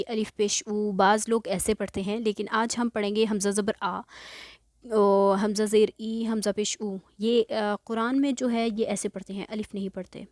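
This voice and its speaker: A woman teaching a beginner recitation lesson, patiently drilling each sound slowly and mixing English words into her explanations. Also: fairly high pitch, a little mellow, no room sound, studio quality. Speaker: Quran reading teacher.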